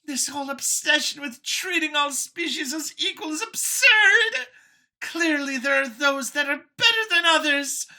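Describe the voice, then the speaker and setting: Pushing her voice up into a bright, high register, a woman gives a full character performance with lively intonation and a slightly slow pace. Her role is a jittery, bragging alien scientist from an audio drama, fervent and self-righteous, gushing and whining in over-eager justification of her elitism.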